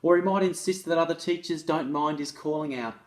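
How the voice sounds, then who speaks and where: A man with a slightly high voice speaks fairly quickly, reading a case study aloud and explaining it conversationally and instructively. He presents as an education author and speaker on restorative practices in schools.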